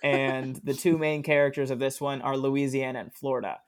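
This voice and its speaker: With a medium-pitched voice and a brisk pace, this man, a sketch comedian, talks casually as a guest in an interview. His storytelling is relaxed and sprinkled with fillers, and he breaks into laughter often.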